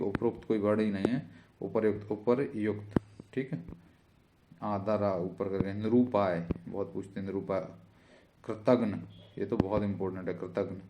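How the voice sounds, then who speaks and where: A man's voice: on the low side, fairly even intonation, normal speed, background noise. A male teacher giving an exam-prep spelling lesson, repeating each word and checking in with "theek hai".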